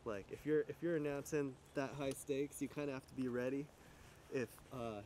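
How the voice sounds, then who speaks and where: A man's voice: medium pitch, steady tone, moderate pace, dark tone, slight background noise. A man talking casually as a video project collaborator, rambling with many fillers and restarts. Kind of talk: casual chat.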